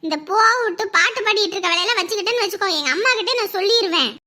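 A woman's voice: very high-pitched, very fast, sharp tone. An actress playing a proud young village woman who scolds and warns in a curt manner, in a web drama. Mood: stern.

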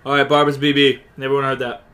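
A man commenting on his gameplay, joking and swearing, with loud outbursts. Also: medium pitch, flat delivery, racing. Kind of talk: let's play commentary.

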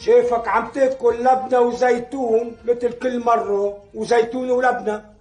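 An actor playing a jealous, short-tempered husband with a Lebanese accent, bickering and demanding. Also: male voice, extremely high pitch, flat delivery, moderate pace, darkish tone, reverberant, faint music behind. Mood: irritable. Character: quick-tempered jealous husband, middle-aged man. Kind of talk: sitcom acting.

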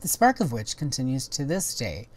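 This very deep-voiced woman narrates a toy history video from a script, keeping a measured, informative documentary style while her pitch swings widely.

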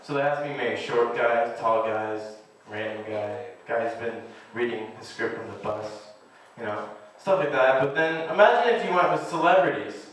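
A man's voice: medium pitch, normal speed, a bit bright. A young man doing casual, rambling stand-up comedy on a small club stage. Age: young adult. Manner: rambling, laughs at his own bits. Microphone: handheld stage mic, recorded by distant camera. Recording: echoey club room from far off, audience noise.

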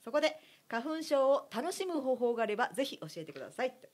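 Woman co-host, playful and quick to laugh, fairly high voice with a lively, bouncing pitch. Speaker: co-host reading listener letters. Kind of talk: casual radio chat.

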